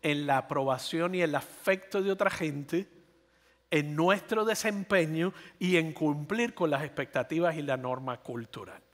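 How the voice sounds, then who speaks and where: A man in his fifties preaching a sermon as pastor, animated and putting rhetorical questions to his listeners. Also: on the high side, unhurried. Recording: long hall reverb.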